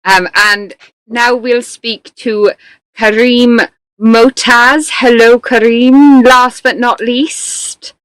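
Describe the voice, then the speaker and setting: A woman hosting a casual live interview, chatty and quick to laugh, with many fillers. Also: fairly high pitch, fairly even intonation, fairly bright tone, smooth, no room sound, poor audio. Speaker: host.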